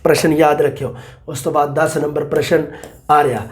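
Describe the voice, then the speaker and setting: A man gives a chatty exam-prep lecture in a high voice. He repeats key points and keeps quizzing his listeners. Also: flat delivery, a little fast. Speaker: teacher.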